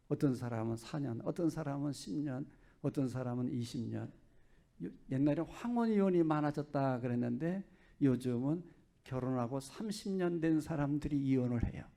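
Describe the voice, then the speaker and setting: A male pastor delivers a sermon in a conversational, joking manner, asking his listeners one question after another. His voice sits a little high, yet it sounds mellow and dark, with a gravelly fry running through it.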